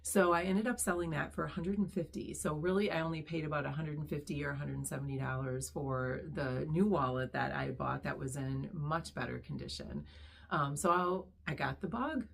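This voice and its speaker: Low gravelly woman, hoarse vlogger. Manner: chatty, relaxed, many ums and pauses. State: hoarse, recovering lost voice. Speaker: online reseller, channel host. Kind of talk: casual vlog introduction.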